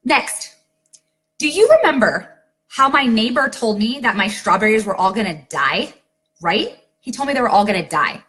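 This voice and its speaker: Animated chatty woman, lively pitch. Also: normal speed. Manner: chatty, lots of "like" and "okay?", animated storytelling. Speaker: network marketing team leader. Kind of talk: casual live video talk to her team.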